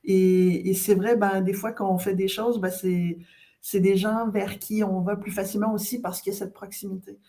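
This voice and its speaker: Une femme d'âge moyen à l'accent québécois, qui parle de façon chaleureuse et bavarde, avec beaucoup d'hésitations, dans une conversation de balado. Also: female voice, mid-range voice, little pitch movement, normal speed. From Quebec. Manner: warm, chatty, many hesitations. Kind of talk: casual podcast conversation.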